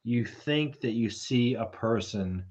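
A man's voice: mid-range voice, takes it slowly, darkish tone. A man in a casual comedic chat, ranting in disbelief and swearing freely. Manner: profane, incredulous ranting.

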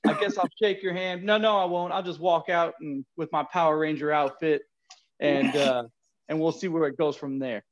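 A man's voice: on the high side, steady tone, moderate pace, close to an everyday voice. A man putting on a blustering New York wrestler. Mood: brash. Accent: New York, put on. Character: male tough-guy wrestler cutting a brash promo. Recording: dull lo-fi sound.

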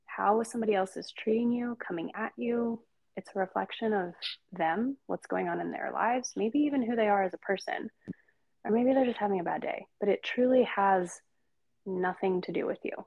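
A woman's voice: medium pitch, moderate pace, creaky, dry recording, dull audio. A woman co-hosting a podcast about hair styling, speaking casually and encouragingly about handling clients. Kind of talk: casual chat.

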